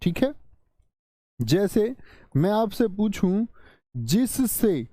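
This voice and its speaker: A male Hindi teacher with a high, mellow voice runs an exam-prep class. He drills vowel sounds aloud, repeats them several times, and keeps quizzing his students. The sound is dry and close, with no room echo. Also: lively intonation, measured pace.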